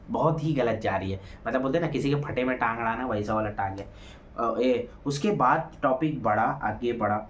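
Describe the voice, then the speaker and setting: A man talks through a reality show episode in a lively, conversational way. He fires off rhetorical questions and leans on the same little filler again and again. A faint hiss of background noise sits under his mid-pitched voice. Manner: animated, acts out quoted lines in raised voice. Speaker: show reviewer. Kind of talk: casual spoken episode review.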